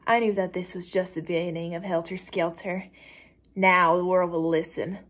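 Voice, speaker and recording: Woman doing a young cult girl, bragging all cold and flat, then gets excited, script reading. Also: lowish voice, normal speed. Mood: gleeful. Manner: boastful, coldly matter-of-fact with bursts of excitement. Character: callous young woman cult member, gleeful about violence.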